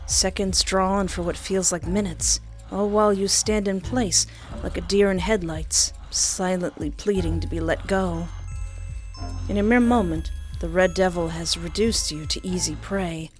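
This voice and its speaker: Her voice is lowish, steady in tone and measured in pace as this video game streamer works through a dating simulator. She swaps between narrating the text aloud and reacting playfully with exclamations, over game music.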